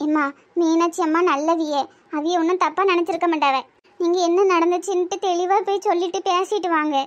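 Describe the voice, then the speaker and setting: A woman voicing a patient adult daughter in a cartoon, speaking with a Tirunelveli Tamil accent and gently coaxing and reasoning. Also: very high-pitched, fairly even intonation, a little fast. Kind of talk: cartoon voice acting.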